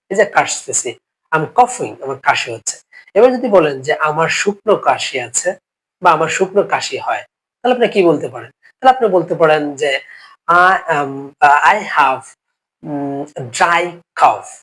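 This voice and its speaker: Male teacher with a cough, slightly high. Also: a bit bright, rough recording. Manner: explains step by step with many check-ins, repeating each phrase. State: sick with a cough. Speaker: English teacher. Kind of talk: spoken English lesson.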